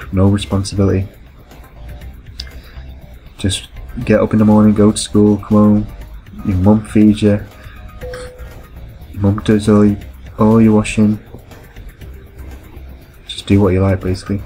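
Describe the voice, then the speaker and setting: Low-voiced man rambling. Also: dark tone, poor audio. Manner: rambling, anecdotal, self-correcting. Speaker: gameplay commentator. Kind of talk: casual storytelling over gameplay.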